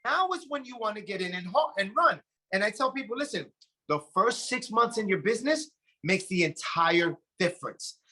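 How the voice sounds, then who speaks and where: A man in his late forties giving an energetic motivational talk about his business, often repeating words as he builds up steam. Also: high voice, moderate pace. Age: 40s. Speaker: network marketing leader.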